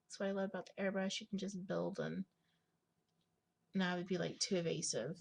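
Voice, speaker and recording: A young woman with a raspy smoker's voice giving a casual screen tutorial, thinking aloud in informal, slangy speech and often clearing her throat. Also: fairly low pitch, steady tone, fairly quick, a little mellow. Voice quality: husky smoker's rasp with gravelly creak. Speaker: digital art tutorial host.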